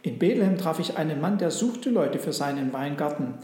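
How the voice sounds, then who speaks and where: A man's voice: on the high side, animated, fairly quick, dark tone, lightly acted. A man voicing Josef, a kind and generous father, in a storybook reading. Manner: friendly, generous. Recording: roomy echo.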